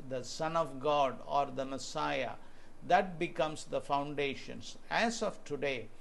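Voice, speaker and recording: A man's voice: fairly high pitch, creaky, slight background noise. A man in his sixties with an Indian English accent preaching earnestly to camera in a small room, quoting scripture. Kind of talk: home video sermon.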